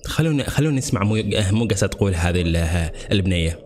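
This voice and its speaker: A man hosting a horror game playthrough, jumpy and excitable with nervous outbursts. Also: low-pitched, fast, noisy background. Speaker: gaming channel host.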